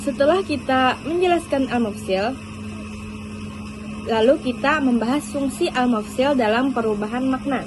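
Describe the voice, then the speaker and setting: A young woman with a fairly high voice reads a prepared lesson explanation at a steady pace. Her delivery is even and scripted. Faint noise runs under the recording. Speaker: student presenter. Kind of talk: read-aloud explanation.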